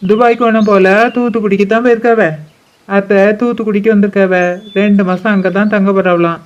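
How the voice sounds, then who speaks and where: Cartoon role: a man playing a steady big brother, muffled lo-fi audio. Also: high voice, quick pace, natural voice. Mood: reassuring. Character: calm cartoon older brother, reassuring. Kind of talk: cartoon voice acting.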